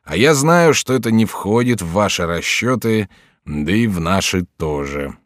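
A man's voice: on the low side, a little slow, dry recording. A man reading the part of a polite, composed French officer who answers with dry irony. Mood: composed, courteous. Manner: calm, courteous, dryly ironic.

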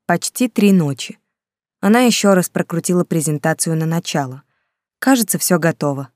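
A woman reads a novel aloud in a calm, steady storytelling voice. Her tone is low-set, dark and mellow. The recording is close and dry, with no room sound. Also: moderate pace, no room sound. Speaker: narrator. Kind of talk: audiobook narration.

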